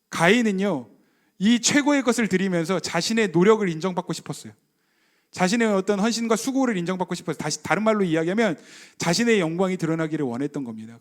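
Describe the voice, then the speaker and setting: A man preaches a Sunday sermon at a brisk clip, his voice sitting fairly high. He presses the congregation with rhetorical questions and leans hard into his emphasis. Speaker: pastor of a church plant.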